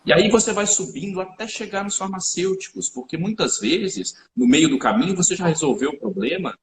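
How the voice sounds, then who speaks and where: A man's voice: sits high, a little fast. A man explaining health topics in a live-stream conversation, lecturing and often checking in with tag questions. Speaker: researcher and supplement company founder. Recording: echoey room with faint background noise.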